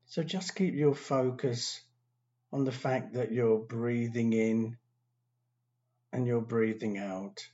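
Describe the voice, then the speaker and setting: A man leads a guided meditation in an unhurried, soothing voice, leaving long silences between phrases. His pitch sits in an ordinary middle range. The recording sounds a little dull and lo-fi. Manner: slow, calm, soothing instructions with long pauses. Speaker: meditation teacher.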